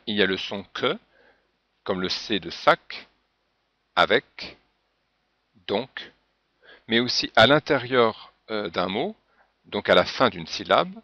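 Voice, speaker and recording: A man's voice: on the low side, sharp tone, dry recording. A man teaching a French pronunciation lesson, patiently spelling out example words one by one. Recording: dull, dry lo-fi recording.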